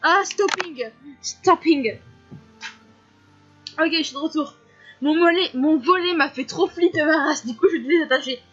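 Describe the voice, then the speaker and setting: A woman's voice: high voice, a little fast, fairly bright tone. A young woman casually commenting and reading aloud while playing a story game, joking, swearing and laughing often. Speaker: let's-play gamer. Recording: slightly muffled, faint music behind.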